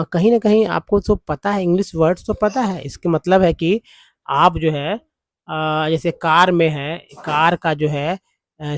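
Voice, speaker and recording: A man's slightly high voice, recorded with no room sound, gives a spoken Hindi lesson on English vowel sounds. He is an English teacher who teaches patiently and repetitively, with lots of fillers.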